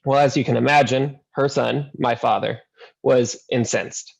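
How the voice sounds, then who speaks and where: A man's voice: medium pitch, fairly even intonation, measured pace, creaky, breathy edge, highs cut off. A man preaching a sermon as a seminary intern, telling a story earnestly and often repeating a word as he starts a thought.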